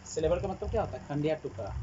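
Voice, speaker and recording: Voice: medium pitch, animated, rapid-fire, lo-fi sound, background noise. A teacher giving a classroom lecture who asks the class questions, answers them himself and repeats key terms.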